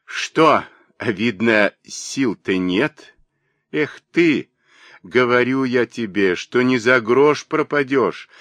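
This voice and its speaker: A man doing a shrill, mocking old spinster. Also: expressive, takes it slowly, a bit bright, dry recording. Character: spiteful gossiping old spinster woman.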